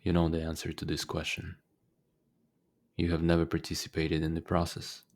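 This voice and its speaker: This is a man with a deep voice leading a guided meditation. He teaches in a measured, tranquil way, leaving many pauses between phrases.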